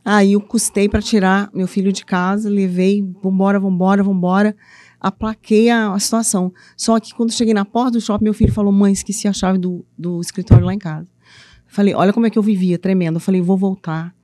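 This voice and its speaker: A middle-aged woman from Minas Gerais, Brazil, speaking Portuguese with a mineiro accent, tells her story as an interview guest; she is an author and mentor for women. Her medium-pitched voice moves fairly quickly, animated and playfully teasing as she acts out what people said, with no echo in the recording.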